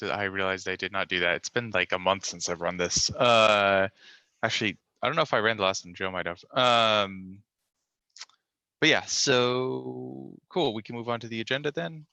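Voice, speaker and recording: A man chairing an online meeting in a casual, relaxed way. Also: lowish voice, moderate pace, vocal fry, dry recording. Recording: dull, dry call audio.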